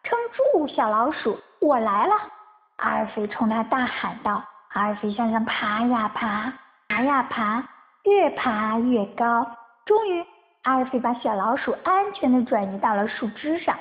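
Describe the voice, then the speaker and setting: High, sing-song woman storyteller. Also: lively intonation, moderate pace. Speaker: children's storyteller. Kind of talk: bedtime story reading. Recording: tinny phone-like sound.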